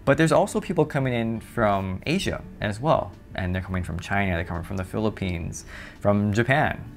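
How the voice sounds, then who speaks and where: A man talks to viewers in a very low, steady voice, friendly and reflective as if talking to a friend. Faint music plays softly underneath. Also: moderate pace, gravelly. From Hawaii. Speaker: YouTube host. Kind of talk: casual talk to camera.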